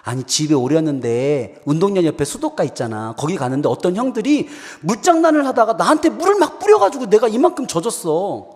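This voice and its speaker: A man's voice: high-pitched, big pitch swings, a little fast, hardly any pauses, a little mellow. A pastor voicing his younger self as a schoolboy stubbornly insisting on a lie to his mother. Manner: pleading insistent protesting. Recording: long hall reverb.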